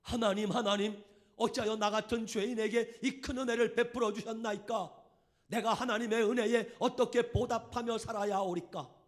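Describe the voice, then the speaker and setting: A man voicing a grizzled old man who wails a loud, slow, pleading prayer in old-fashioned words. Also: high-pitched, fairly even intonation, pitched above the performer's own voice, close to an everyday voice. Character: poor grizzled man in fervent wailing prayer.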